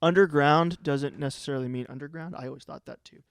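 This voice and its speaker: A young man co-hosting a casual podcast, cracking quick jokes and dropping into soft asides. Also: a little high, creaky, clear, resonant tone, dry recording, studio quality. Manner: joking, quick quips, drops to soft asides. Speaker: podcast co-host. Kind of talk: casual chat.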